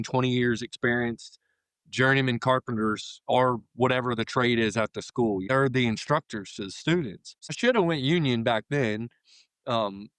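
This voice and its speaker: A man in his thirties from Florida, a union carpenter, rambles informally as an interview guest in an American accent. His mid-range voice sounds smooth, and there's no echo.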